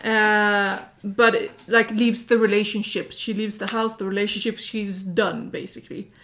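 A woman's voice: medium pitch, little pitch movement, moderate pace, fairly bright tone. A woman hosting a casual chat, recounting events with plenty of fillers. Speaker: host recounting a story.

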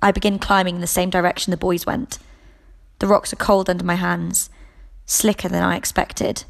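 Give me a woman narrating a novel in a steady, gravelly voice. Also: on the low side, moderate pace. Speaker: audiobook reader. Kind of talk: first-person novel narration.

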